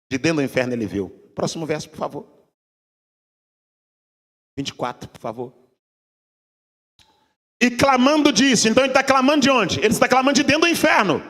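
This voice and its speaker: A male preacher giving a fervent sermon, swinging from low murmurs to impassioned shouting. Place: church sanctuary. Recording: long church reverb.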